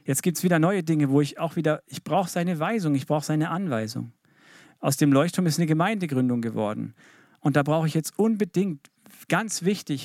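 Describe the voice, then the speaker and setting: Fervent middle-aged German-speaking pastor. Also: male voice, on the high side, no echo, studio quality. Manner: emphatic, rising to fervent appeals. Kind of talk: sermon. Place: church.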